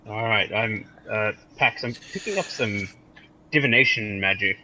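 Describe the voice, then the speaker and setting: A man's voice: lowish voice, normal speed, sharp tone, a little hiss or hum, low-quality recording. A man talking casually and hesitantly as a player in a tabletop game. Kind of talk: casual role-play talk.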